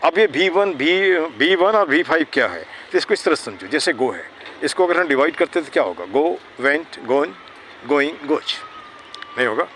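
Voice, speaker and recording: Male tutor teaching a grammar lesson. Slightly high, patient, keeps asking "clear?" Faint street noise behind him. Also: big pitch swings, normal speed, fairly bright tone. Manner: patient, checks understanding often. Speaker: English tutor. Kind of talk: Hindi grammar lesson for children. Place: outdoors near traffic.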